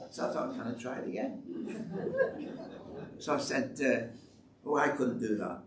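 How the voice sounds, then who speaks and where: A man tells stories from the front of a church, acting out what people said to him and urging his listeners on. His voice sits at an everyday pitch and reaches a distant mic through a roomy echo, with a faint hum of the space behind him. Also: wildly swooping pitch, takes it slowly, pauses often. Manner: chatty storyteller, re-enacts conversations, exhorting. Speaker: church speaker giving testimony. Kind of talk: anecdotal church talk.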